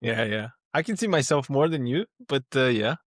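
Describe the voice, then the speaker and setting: An easygoing man from Brazil co-hosts a casual tech podcast, often breaking into laughter. His voice sits at an average pitch. The sound is dry and close to the mic. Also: animated, moderate pace, dry recording. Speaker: podcast co-host.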